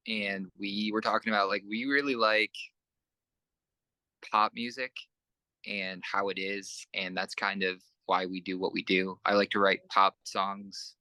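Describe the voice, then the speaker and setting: Bright-voiced young male musician, very low. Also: flat delivery, measured pace, long pauses, dry recording. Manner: rambling, many fillers and restarts. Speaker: band musician, interview guest. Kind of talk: casual interview chat.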